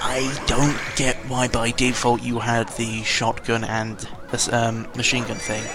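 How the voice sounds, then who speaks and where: With little pitch movement in his mid-range voice, a British gaming vlogger talks a little slowly through casual, rambling game commentary. He wanders off topic, swears, and often corrects himself, all over background music.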